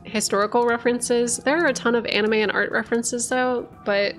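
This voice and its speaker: A woman's voice: fairly high pitch, fairly even intonation, brisk, soft background music. A woman hosting a livestream, chatting casually with viewers in a rambling way, full of filler words and self-corrections, tired after hours of streaming. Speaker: streamer and lore channel host.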